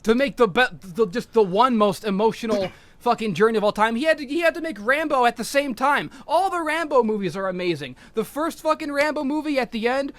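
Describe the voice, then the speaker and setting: Excitable, profane, rambling high-voiced man. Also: fairly quick. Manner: rambling, profane, excitable retelling with many restarts. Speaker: podcast co-host. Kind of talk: casual podcast chat.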